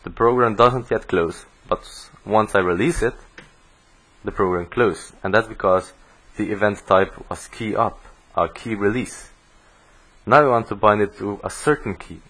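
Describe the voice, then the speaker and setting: A man teaching a programming course, explaining code step by step as he types in a screen recording, on low-quality audio. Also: a bit bright. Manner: slow, step-by-step explaining while typing code. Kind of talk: screen-recorded coding tutorial.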